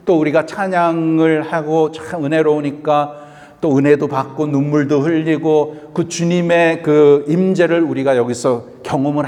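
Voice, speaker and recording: Male pastor preaching, a fairly high voice and long hall reverb; he asks rhetorical questions and slips into English. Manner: switches between Korean and English phrases; acts out prayers in a soft voice. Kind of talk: sermon. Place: church sanctuary.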